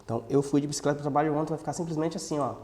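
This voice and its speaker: A man from Brazil, an English teacher patiently explaining a lesson and slowly repeating example sentences. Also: on the high side, darkish tone.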